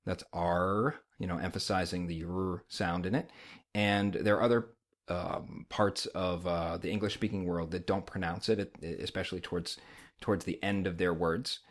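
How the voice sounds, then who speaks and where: American male instructor, lowish pitch, conversational explainer who keeps checking in with the learner. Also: fairly even intonation, moderate pace. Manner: conversational, often checking in with "okay". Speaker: language teacher.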